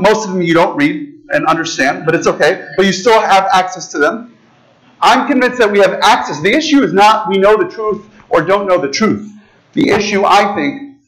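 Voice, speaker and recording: A priest in his thirties with a notably high voice preaches a sermon in a large church. He talks to the congregation as if chatting with friends, gesturing freely and often tossing in "right?" and "okay?" to keep them with him. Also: normal speed, a bit bright, rough recording. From United States. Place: large ornate church, indoors, speaking to a seated congregation. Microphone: far camera, preacher standing at a lectern.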